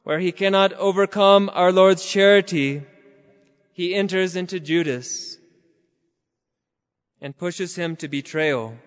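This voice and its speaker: Man, sermon, slow and solemn, half-chanted, high voice, long churchlike reverb. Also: clear, resonant tone. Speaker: preacher.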